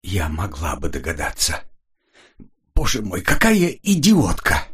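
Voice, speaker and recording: A male audiobook narrator voicing a frightened, nervous young woman who gets shrill and panicky. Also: huge pitch swings, measured pace, fairly bright tone, slightly rough, heavily acted. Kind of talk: audiobook character reading.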